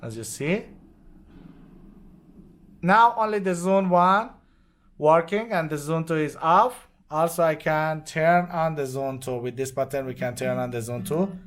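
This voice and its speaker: Indoors at a demo bench covered with devices, a man who isn't a native English speaker gives an unscripted, hands-on product tutorial, explaining step by step. He speaks haltingly in short, simple phrases, and his voice is fairly high and a bit bright.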